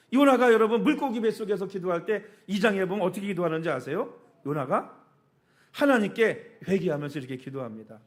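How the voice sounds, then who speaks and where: Animated woman pastor preaching a sermon. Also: medium pitch. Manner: animated storytelling with sound words and rhetorical questions; laughs often while preaching.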